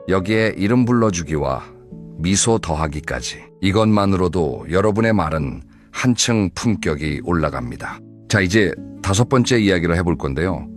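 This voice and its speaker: A man narrating a scripted advice talk in a calm, measured, instructive way. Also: deep voice.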